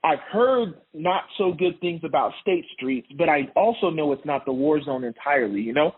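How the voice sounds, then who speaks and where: A man's voice: a little high, lively intonation, moderate pace, slightly rough. A man from Honduras, a podcast guest, chatting casually and laughing often as he tells his story. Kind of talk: casual interview chat. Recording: tinny phone-like line.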